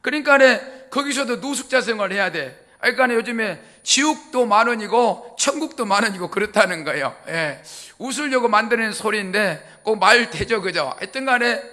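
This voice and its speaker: Man, pastor, folksy joking sermon, high voice. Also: animated, moderate pace, hardly any pauses, pushed and bright. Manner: folksy, joking, laughs at own jokes. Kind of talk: humorous storytelling sermon.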